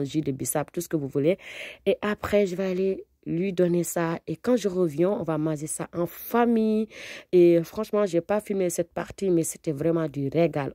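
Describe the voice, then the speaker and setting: A woman's voice: sits low, gravelly, dark tone, no echo, clean studio sound. A woman with a Senegalese accent giving a casual recipe voice-over as a cooking vlogger, switching between French and Wolof.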